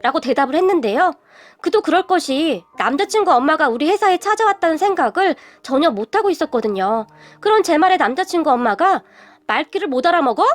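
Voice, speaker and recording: A young woman narrating a scripted first-person story in a steady, confessional way. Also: high voice, a little fast. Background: faint music.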